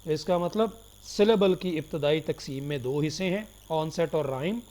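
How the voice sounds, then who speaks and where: A man giving a recorded phonology lecture, slowly explaining terms, switching between Urdu and English and politely addressing his students. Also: fairly high pitch, a little mellow. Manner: addresses listeners politely as "janab" and "dear students".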